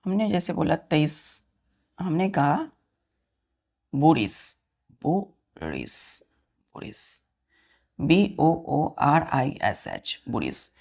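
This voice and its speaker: A woman's voice: low voice, big pitch swings, takes it slowly, darkish tone. A woman teaching vocabulary to students, spelling words letter by letter and asking quiz-style questions. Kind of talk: vocabulary lesson for exam students.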